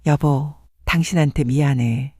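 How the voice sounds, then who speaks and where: A man voicing a remorseful elderly husband around seventy, with plain, halting speech. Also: mid-range voice, steady tone, a little mellow, slightly rough, no room sound, studio quality.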